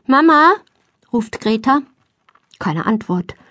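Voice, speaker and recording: Lively woman narrator for a kids' audiobook, dry studio read. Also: medium pitch, unhurried, no echo. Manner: lively, expressive storytelling. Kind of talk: scripted children's story narration. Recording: dry close studio sound.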